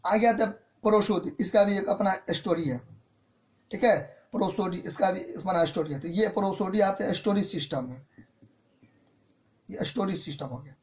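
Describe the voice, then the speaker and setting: This teacher, speaking at medium pitch and a normal pace, gives an online grammar lesson, laying it out step by step. He or she repeats points, checks in often with the students, and mixes in English terms.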